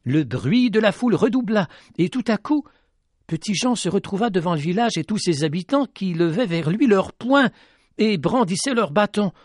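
A man's voice: sits high, animated, normal speed, darkish tone, no echo, clean studio sound. Dramatic French storyteller man. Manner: dramatic, rising with tension. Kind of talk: expressive storybook narration.

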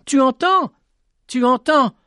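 A man voicing Petit Jean, a young boy who shouts eagerly and then sobs in grief. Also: very high-pitched, slow pace, no echo, clean studio sound, pitched above the performer's own voice, full character voice. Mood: excited. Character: young boy hero, anxious then grieving.

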